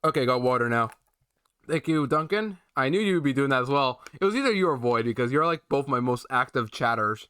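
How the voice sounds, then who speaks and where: A man's voice: mid-range voice, expressive, brisk, fairly bright tone, clear, resonant tone, dry recording. A young man streaming a video game, rambling playfully and chatting with his viewers. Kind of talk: casual game-stream commentary.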